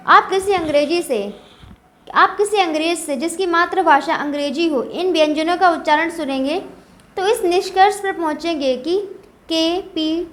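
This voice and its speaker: A woman with a high-pitched voice gives a methodical pronunciation lesson. She asks a question, then answers it herself. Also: fairly bright tone, a little hiss or hum. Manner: explains step by step, asks and answers her own questions. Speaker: English teacher. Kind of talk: Hindi-medium pronunciation lesson.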